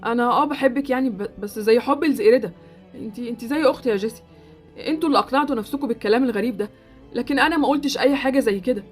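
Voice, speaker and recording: A woman's voice: fairly high pitch, very fast, soft background music, close to an everyday voice. A woman playing Sultan, a blunt Egyptian boy. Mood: brusque.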